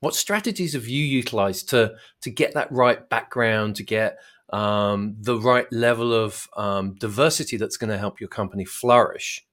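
A man's voice: lowish voice, moderate pace, fairly bright tone. A man hosting a podcast, asking long, engaged questions with small restarts. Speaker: podcast host.

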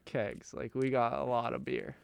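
A man's voice: mid-range voice, steady tone, moderate pace, vocal fry, smooth, dry recording, clean studio sound. A young American man talking in an easygoing, conversational way in a casual chat. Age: young adult.

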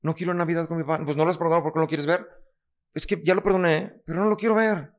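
Mexican guy on a podcast, talks super fast, kinda high voice, blunt, swears a lot. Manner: blunt, animated, swears freely, acts out other people's lines. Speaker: guest. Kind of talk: candid podcast conversation.

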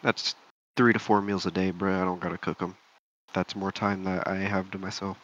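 A man's voice: low-pitched, level tone, normal speed, fairly bright tone. A man co-hosting a podcast in casual chat, giving short laid-back answers. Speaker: podcast co-host. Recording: slightly dull lo-fi sound.

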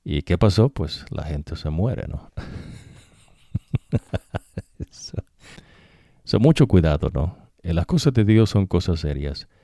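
A man's voice: low-pitched, animated, takes it slowly, long pauses, mellow, no room sound, clean studio sound. A man teaching the Bible in a sermon style, conversational and full of rhetorical tag questions, dropping English "so" into his talk.

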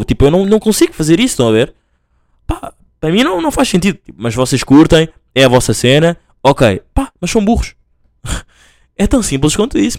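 A man's voice: mid-range voice, clean tone, no echo. A young man from Portugal, hosting a casual solo podcast and rambling through stories with lots of fillers and restarts. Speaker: podcast host.

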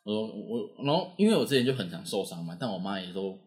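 Speaking quickly in a lowish voice, a young man with a Taiwanese Mandarin accent spins an animated story during casual conversation, performing the voices of its characters with lively energy.

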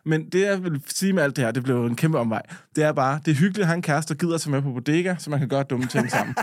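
A man co-hosting a podcast, telling stories in a casual, animated way with swearing and laughter. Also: a little high, no echo, clean studio sound. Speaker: podcast co-host. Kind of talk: casual storytelling chat.

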